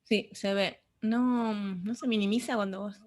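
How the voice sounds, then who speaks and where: A woman, giving soft, helpful remarks in casual chat on a video call. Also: medium pitch, fairly even intonation, measured pace, a crowd in the background.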